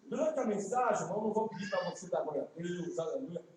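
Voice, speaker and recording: Northeastern Brazilian preacher in echoey church. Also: male voice, sits high, animated, crowd noise. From Ceará, Brazil. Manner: folksy, joking asides, then slow emphatic preaching. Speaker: guest preacher. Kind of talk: evangelistic sermon. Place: church sanctuary. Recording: echoey distant church livestream.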